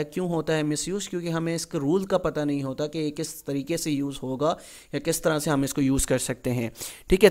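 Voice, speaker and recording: Male tutor, lightly raised pitch, unhurried lecturing style with frequent check-ins. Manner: slow, deliberate reading of English example sentences, then explains in Urdu-Hindi; repeats "theek hai" often as a check-in. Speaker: English grammar teacher. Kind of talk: recorded exam-prep lecture.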